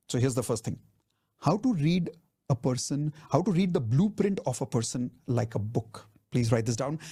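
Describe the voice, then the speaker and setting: A man hosting a live coaching webinar, energetic and persuasive, often asking viewers to type answers into the chat. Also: mid-range voice, breathy edge. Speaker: life coaching webinar host. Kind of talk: live sales webinar presentation.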